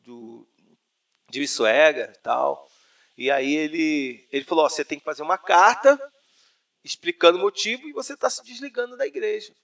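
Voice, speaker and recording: A Brazilian man with a fairly high voice tells a personal story to an interviewer. He is animated and slangy, and the mic sits some way off from him. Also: normal speed, vocal fry, far from the mic. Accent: Brazilian Portuguese. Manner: animated storyteller, says "cara" often. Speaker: interview guest. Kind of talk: personal testimony, casual conversation.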